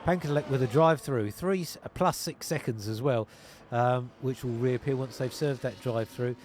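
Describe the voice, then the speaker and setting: A man calling an online sim racing league race, narrating positions, tyres and penalties in steady play-by-play over a headset. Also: mid-range voice, moderate pace, a little hiss or hum. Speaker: lead commentator.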